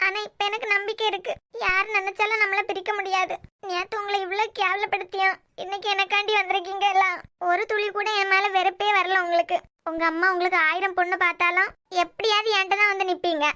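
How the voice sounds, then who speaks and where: Woman doing a stubborn young cartoon heroine, Kanyakumari Tamil accent, squeaky high voice, bright and quick. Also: level tone. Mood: hopeful. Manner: sharp, defiant retorts. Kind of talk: cartoon voice acting.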